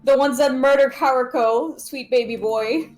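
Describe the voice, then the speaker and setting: A woman's voice: high-pitched, moderate pace, a little mellow, soft background music. A woman co-hosting a game let's play, giggling often and reading the game's text aloud with expression. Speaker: let's play co-host and reader.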